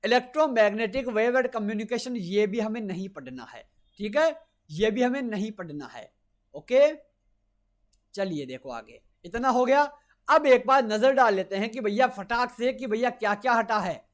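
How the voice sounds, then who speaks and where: A man's voice: high-pitched, lively intonation, normal speed. A man teaching physics in an exam-prep lecture, repeating his points emphatically and reassuring his students. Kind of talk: exam-prep lecture over screen notes.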